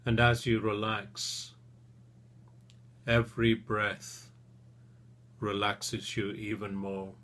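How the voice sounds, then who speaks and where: In short, soothing phrases with long pauses between them, a male therapist gently leads a guided relaxation. His voice sits on the low side, with little pitch movement.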